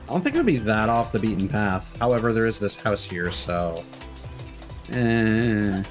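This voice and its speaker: Game music plays while a man streams his gameplay, talking casually and thinking aloud in frank, loose asides. He speaks at a normal speed in a lowish voice that swings widely in pitch.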